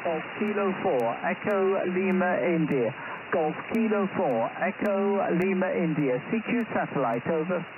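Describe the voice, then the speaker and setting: A man with a high voice makes a ham radio call over a satellite link. He spells out call signs in the phonetic alphabet. The sound is thin and narrow, like a phone line, and buried in loud hiss. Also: expressive, unhurried. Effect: amateur satellite radio transmission. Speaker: amateur radio operator.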